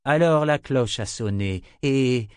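A frightened mother, short of breath and anxious, read in a male narrator's own voice. The pitch stays middle and the delivery stays close to plain reading. The recording is dry. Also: takes it slowly, clean tone, no echo, natural voice.

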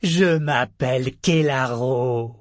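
A man voicing a huge, ravenous male sea serpent who bellows his lines loudly and high. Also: takes it slowly, dry recording, studio quality, close to an everyday voice. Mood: roaring.

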